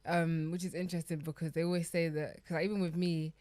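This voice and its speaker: A woman's voice: deep voice, flat delivery, fast talker, a little mellow, no room sound. A young woman talking casually on a podcast, chatty and full of fillers, laughing often. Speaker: podcast guest.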